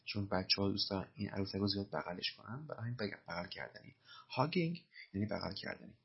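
Low husky guy explaining english phrases, spells stuff out patiently, kinda dull lo-fi audio. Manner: patient, repeats phrases and spells words letter by letter. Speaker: English teacher. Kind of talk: explaining film dialogue in a language lesson. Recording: dull lo-fi recording.

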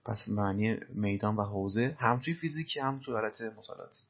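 A man's voice: lowish voice, steady tone, gravelly, husky, dull audio. A man teaching English through film lines, explaining phrases patiently and methodically. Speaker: language teacher.

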